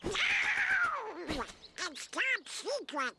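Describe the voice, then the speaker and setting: A man voicing an excitable, hot-tempered male cartoon duck in a video game, with a garbled, squawking duck voice. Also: very high-pitched, extremely slow, exaggerated voice. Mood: secretive alarm. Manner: urgent, exclamatory.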